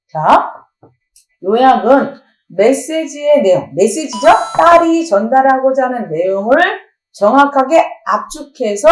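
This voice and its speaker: A middle-aged woman, a counseling professor, lecturing and asking her audience rhetorical questions. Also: mid-range voice. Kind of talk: lecture on family communication. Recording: roomy echo, faint music.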